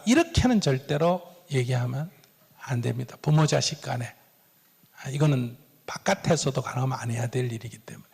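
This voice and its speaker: Gravelly man. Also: on the high side. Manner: lively, acts out dialogue, chuckles. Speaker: Buddhist teacher answering questions. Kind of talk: sermon-like Q&A advice. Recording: long hall reverb.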